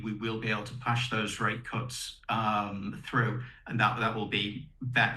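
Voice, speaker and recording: On a conference call with noticeable echo, a company executive walks through results point by point. He explains methodically and firmly, with force, in a fairly low but bright male voice.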